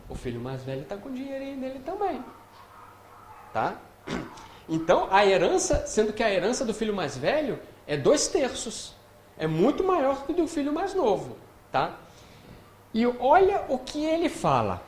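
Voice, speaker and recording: A man's voice: very high-pitched, wildly swooping pitch, normal speed. A man with a Brazilian Portuguese accent giving a spiritist lecture on scripture, speaking conversationally and often checking in with his audience. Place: lecture hall of a spiritist center. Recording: echoey hall with faint noise.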